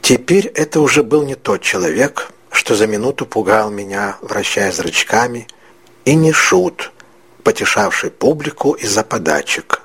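A man reading a literary story aloud as narrator, in a measured, reflective way. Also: lowish voice, lively intonation, fairly bright tone, slightly rough.

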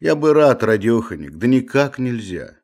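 A man's voice: medium pitch, big pitch swings, moderate pace, a little mellow, pitched above the performer's own voice. A man voicing a stubborn old male manservant who coaxes and scolds with a drawling, muttering manner. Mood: coaxing, scolding.

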